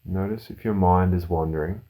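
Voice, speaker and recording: A mindfulness teacher with a deep voice guides a meditation, his instructions calm, soothing, and unhurried, broken by pauses. The audio quality is poor.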